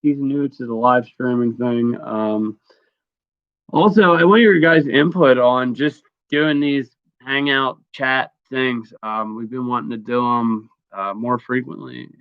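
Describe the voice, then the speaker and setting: Easygoing man with a smooth voice. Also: medium pitch, measured pace, no room sound, lo-fi sound. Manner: easygoing and joking, with many fillers. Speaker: live stream host. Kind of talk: casual live stream chat.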